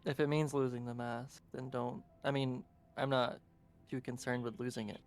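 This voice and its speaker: A man's voice: mid-range voice, little pitch movement, normal speed, close to an everyday voice. A man voicing a wry young male bard, answering questions in a dry, matter-of-fact way.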